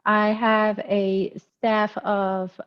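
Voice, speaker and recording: A woman's voice: mid-range voice, little pitch movement, drawn-out words, clear, resonant tone. A woman from Turkey speaks, introducing her accounting business on a panel in a friendly, upbeat way. The sound is somewhat dull and lo-fi.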